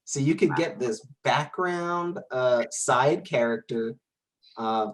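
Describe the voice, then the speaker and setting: Male co-host with a mid-range voice, halting and filler-heavy. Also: medium pitch. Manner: hesitant, full of "uh" and "like". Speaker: podcast co-host. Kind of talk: casual podcast chat.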